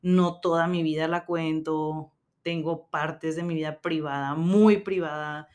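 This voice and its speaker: A woman's voice: low voice, fairly even intonation, a little slow, a little mellow. Swearing, slangy Mexican woman podcaster. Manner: slangy, swears freely, acts out quotes. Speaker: podcast host. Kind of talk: casual storytelling.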